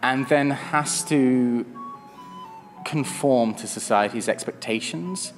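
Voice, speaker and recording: A man's voice: mid-range voice, slow pace, soft background music. A man as a podcast guest, casually explaining his reading of a poem with hesitant fillers. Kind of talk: casual discussion of poetry.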